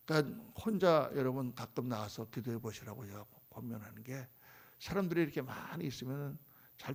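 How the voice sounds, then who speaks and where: A male pastor preaching a sermon at a dawn prayer service, swinging between loud emphatic lines and soft hushed ones, and acting out the people he quotes in conversational asides. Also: mid-range voice, vocal fry. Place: church sanctuary.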